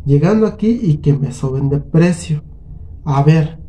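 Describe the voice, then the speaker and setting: A man with a Mexican accent tells a story in a slightly high yet very mellow, dark voice. He talks casually and swears freely, acting out both sides of an argument. It suits a relaxed storytelling vlog. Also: unhurried. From Huasteca region of Mexico. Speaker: channel host.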